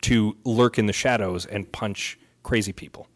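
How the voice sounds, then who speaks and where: A man co-hosting a podcast chats casually about films and comics, his voice on the low side, steady in tone and at normal speed. He argues his points emphatically and with strong opinions, often repeating phrases for weight.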